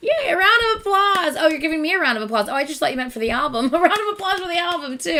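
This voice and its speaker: A young woman hosts a late-night reaction livestream, chatting casually with viewers and laughing a lot while her voice starts to give out. It is very high, very animated, rapid-fire, bright and forceful.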